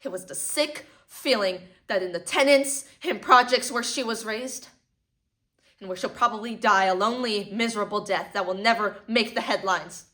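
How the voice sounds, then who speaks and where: A woman performing a dramatic stage monologue as a sorrowful, bitter tragic heroine, intense and swinging between hushed and forceful delivery. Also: mid-range voice, a little slow, pauses often. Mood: anguished, bitter. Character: Rose, sorrowful, bitter woman haunted by poverty and madness. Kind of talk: dramatic monologue, theatrical acting.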